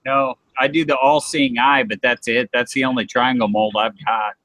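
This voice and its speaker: A man talks casually through what he is doing as he works on silver. His voice sits at a middle pitch. The recording is dry, with no room echo. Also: fairly even intonation, normal speed, a bit bright. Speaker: silver pourer. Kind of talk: casual live stream chat.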